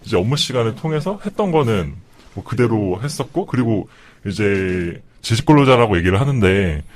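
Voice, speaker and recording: A man speaking as an anonymous developer guest on a panel, his voice disguised by a deep pitch shift, talking in a halting way with short agreeing fillers. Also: sing-song. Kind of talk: panel discussion talk.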